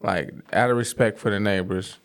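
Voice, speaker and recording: A man's voice: fairly low pitch, fairly even intonation, moderate pace, clear, resonant tone. A man in his forties, co-hosting a podcast in a laid-back, slangy, rambling casual chat. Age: 40s. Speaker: podcast co-host.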